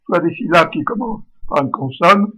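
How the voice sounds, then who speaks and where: A man giving a recorded spelling lesson, slowly modelling vowel sounds aloud. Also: on the high side, animated, fairly bright tone, husky, low-quality recording. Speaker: French spelling teacher.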